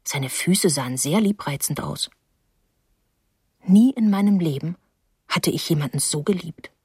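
A woman reading a first-person novel aloud in a quiet, measured storytelling voice. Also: low voice, expressive, husky, dry recording, studio quality. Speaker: audiobook reader. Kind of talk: scripted first-person narration.

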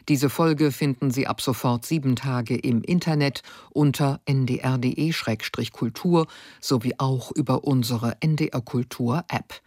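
A male radio announcer giving a clear, formal continuity announcement. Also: medium pitch, darkish tone, no room sound, clean studio sound. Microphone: studio microphone.

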